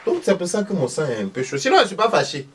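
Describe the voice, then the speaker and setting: Comedy role: a man playing a husky, fiery older Ivorian mother, high and very lively, from a distant mic. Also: fast, very noisy. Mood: indignant. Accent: Ivorian French. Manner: loud, insistent, exclaiming.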